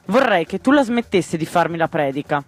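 A man doing an excitable young girl. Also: fairly high pitch, brisk, faint music behind. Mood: defensive. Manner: indignant, excitable. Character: lively young girl, proud and easily offended. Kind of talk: storybook reading.

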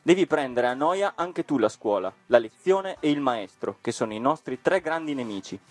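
A man's voice: medium pitch, lively intonation, moderate pace, soft background music, natural voice. Male reader as threatening schoolboy gang, taunting, storybook. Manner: threatening, scornful. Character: gang of rowdy schoolboy bullies. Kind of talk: storybook reading.

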